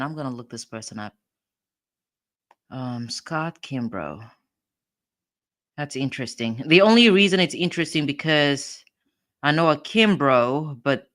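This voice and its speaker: A woman's voice: a bass voice, dry recording, studio quality. A woman hosting a livestream, giving casual commentary on court documents as she thinks aloud and repeats her phrases. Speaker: livestream host.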